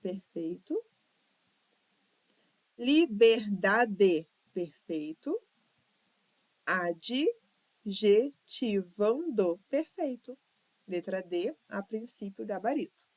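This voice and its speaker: A woman's voice: medium pitch, sing-song, unhurried, dark tone, no room sound. A Brazilian woman teaching Portuguese for exams, patiently going through questions and sounding out words syllable by syllable. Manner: patient, counts syllables aloud, drawls words to sound them out. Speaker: Portuguese teacher for exam prep. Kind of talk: online lesson walking through exam questions.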